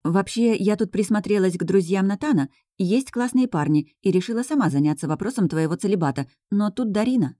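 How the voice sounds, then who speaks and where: A woman reading aloud, voicing a calm young woman who reasons gently with a friend. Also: mid-range voice, fairly quick, hardly any pauses, dry recording, studio quality, pitched above the performer's own voice, lightly acted. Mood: caring.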